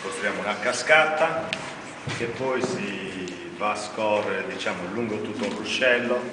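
A man's voice: on the low side, measured pace. A man volunteer plainly explaining how he builds things, recorded from a distance in a church. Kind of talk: casual explanation. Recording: distant, echoey, loud noise.

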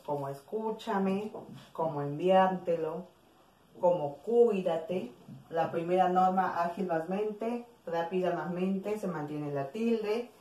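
A woman's voice: fairly low pitch, dark tone. Lady teacher going over exercises, repeats stuff, lots of eh, roomy echo. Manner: patient, repeats examples aloud with many fillers. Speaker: primary school teacher. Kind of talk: recorded lesson explaining grammar exercises.

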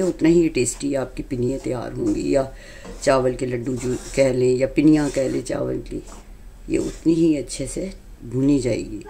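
A woman hosting a home cooking demonstration, explaining each step calmly and patiently. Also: rumbling low, gravelly, slight background noise. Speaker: cooking channel host. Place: home kitchen.

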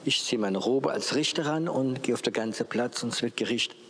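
A man voicing an old king who firmly keeps his word, in a husky, everyday storytelling voice. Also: medium pitch, fairly quick, a bit bright. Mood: solemn.

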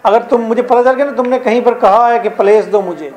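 High-voiced Pakistani teacher drilling grammar. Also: male voice, a little fast, darkish tone. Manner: drills rules, quizzes students. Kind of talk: classroom grammar lesson.

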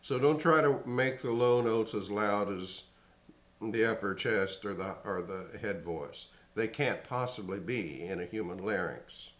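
A man giving a spoken vocal lesson in a slow, measured, instructive way. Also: fairly low pitch, fairly bright tone. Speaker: voice teacher. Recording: echoey room.

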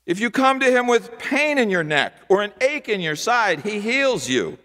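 Older man, pastor, sermon, high lively voice, rhythmic repetition, church reverb. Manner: rhythmic, repetitive preaching with emphatic pauses; gestures broadly with both hands while preaching. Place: large church sanctuary, at a wooden pulpit. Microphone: pulpit microphone. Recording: long church hall reverb.

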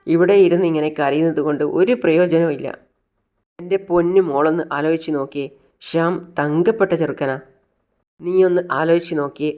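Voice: medium pitch, a little mellow, natural voice. A storyteller voicing a stern, domineering Malayali mother who scolds and threatens her daughter.

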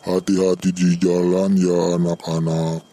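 Grumbling cartoon stall keeper, played by a man, Jakarta Betawi accent, low, very dark voice. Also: little pitch movement, slight background noise. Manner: grumbling, slow, bossy. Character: gruff older male coffee stall keeper.

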